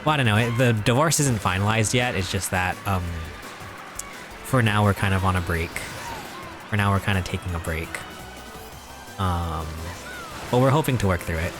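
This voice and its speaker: Low-voiced young man joking on stream. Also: normal speed, long pauses, over music. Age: 20s. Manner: rambling, mock-serious joking with frequent chuckles. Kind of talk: casual live-stream chat while gaming.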